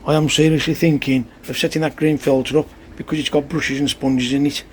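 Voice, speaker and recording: A man's voice: fairly high pitch, steady tone, a little fast. A man rambling in an exasperated, chatty way about his pond pump, filming on a phone outdoors in heavy rain. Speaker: hobbyist koi keeper. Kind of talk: casual vlog narration. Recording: faint rain noise behind. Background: rain and outdoor ambience.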